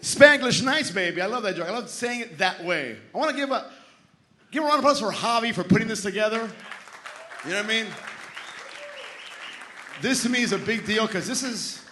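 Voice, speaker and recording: A man's voice: high-pitched, animated, a little fast, pauses often, pushed and bright, a faint crowd, slight background noise. A man with a Miami Cuban-American accent doing a stand-up set, switching between English and Spanish mid-sentence. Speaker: stand-up comedian. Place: comedy club stage.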